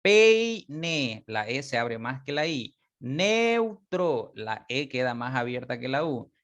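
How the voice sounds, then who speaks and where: A man teaching a class, explaining step by step, repeating example words slowly and often checking that students follow. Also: medium pitch, steady tone, a bit bright, dull audio. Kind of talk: online class lecture.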